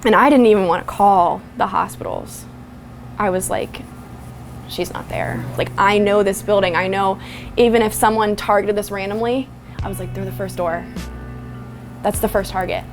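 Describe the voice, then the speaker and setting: Young woman, documentary interviewee, soft and halting, filler-heavy, music bed underneath. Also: mid-range voice, steady tone. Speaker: interviewee, daughter of a victim.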